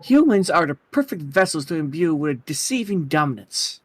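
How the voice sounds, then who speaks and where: Video game bird god, man reading aloud: solemn, philosophical, ponderous phrasing, slightly high male register, dry close sound. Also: big pitch swings, brisk, no echo. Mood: grave, ominous. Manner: stately, ponderous, formal phrasing. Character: solemn, cryptic godlike giant bird, grave and philosophical.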